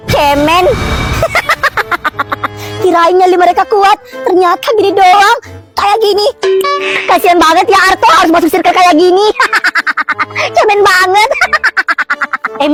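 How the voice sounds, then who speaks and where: Casting: woman, very high voice, sassy and taunting dub-skit delivery, clear music bed. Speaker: voice actor dubbing a clique drama skit. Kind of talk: dubbed comedy drama skit. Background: background music.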